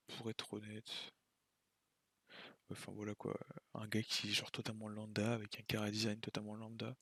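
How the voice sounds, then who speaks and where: A man with a low, gravelly, husky voice rambles through a casual tier-list ranking in an offhand, slangy way. He sounds tired late at night. The sound is dry and close. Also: pushed and bright, dry recording. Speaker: YouTuber ranking anime.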